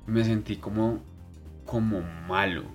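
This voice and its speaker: Crude, animated man chatting. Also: on the low side, measured pace, soft background music. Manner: crude, animated, swearing storyteller. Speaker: podcast co-host. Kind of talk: casual chat.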